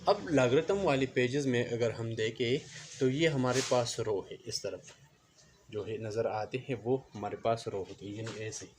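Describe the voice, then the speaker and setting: A man teaching a math lesson, explaining slowly, repeating each step and counting aloud. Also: medium pitch, darkish tone. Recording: noticeable background noise.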